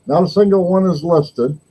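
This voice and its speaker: A man in his sixties hosting a casual chat, his voice pitched a little high but dark and mellow. He talks in a loose, rambling way and laughs easily. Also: slightly rough, low-quality recording. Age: 60s. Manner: relaxed, rambling storyteller who laughs easily.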